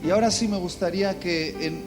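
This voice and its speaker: A man's voice: sits high, fast talker, music in the background. A man from the Basque Country preaching a live sermon in a church, telling stories dramatically and acting out cries of pain. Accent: Spanish. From Basque Country, Spain.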